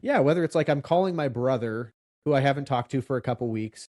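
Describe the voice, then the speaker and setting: A man, a loan officer, talking casually on a podcast and explaining his points with examples and quick asides. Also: mid-range voice, lively intonation, a little mellow.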